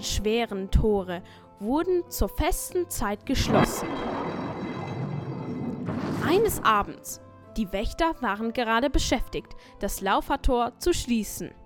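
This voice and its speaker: A woman narrating a children's story as a scripted audio tale. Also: on the high side. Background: faint music.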